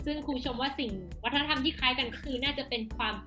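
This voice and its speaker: A young Thai woman with a high-pitched, bright voice hosts a casual interview as a language teacher. Her Thai accent carries through, and music plays behind her. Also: steady tone, quick pace. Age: young adult. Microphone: desk microphone on a video call.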